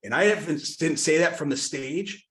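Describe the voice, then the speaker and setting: A man with a slightly raised pitch speaks earnestly in a casual podcast conversation. He tells personal stories with animated energy. The room around him is noticeably echoey. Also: normal speed. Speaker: podcast guest, business founder.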